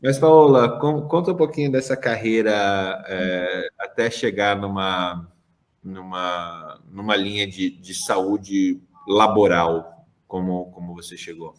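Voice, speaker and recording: A man's voice: low-pitched, slow pace. A man hosting a podcast in a casual, chatty way, introducing guests and joking with them. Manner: chatty, lively, with laughs and restarts. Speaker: podcast host. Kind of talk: casual chat.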